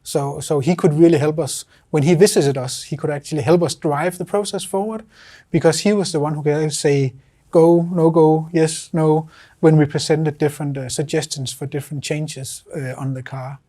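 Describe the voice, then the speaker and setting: A man's voice: on the high side, steady tone, moderate pace, dark tone. A man in an interview clip, a toy designer explaining fluently and appreciatively.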